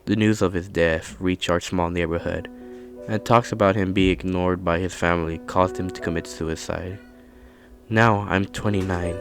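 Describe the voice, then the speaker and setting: A man narrating a scary story in a calm, measured storytelling manner. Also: deep voice. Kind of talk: scripted horror narration.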